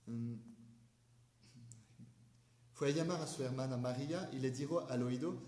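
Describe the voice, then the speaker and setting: A man, a religious brother, giving an informal Bible commentary in a thoughtful, hesitant way, often pausing and restarting to find his words. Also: medium pitch, warm tone. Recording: echoey room.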